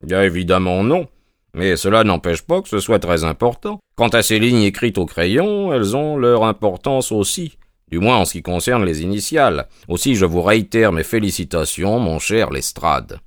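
A man voicing a languid, ironic detective in an audiobook, speaking in a dry, teasing and unhurried manner. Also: lowish voice, big pitch swings, dry recording. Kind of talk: audiobook character voice.

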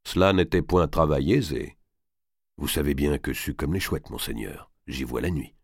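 A man voicing a stealthy male henchman who kills by night, speaking in a low murmur. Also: lively intonation, normal speed, breathy edge, dry recording, clean studio sound, exaggerated voice. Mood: hushed.

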